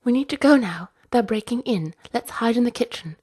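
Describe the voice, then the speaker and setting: A woman's voice: a little high, animated, brisk, darkish tone, slightly rough, pitched above the performer's own voice. A woman voicing a mild, nervous grown son who speaks hesitantly.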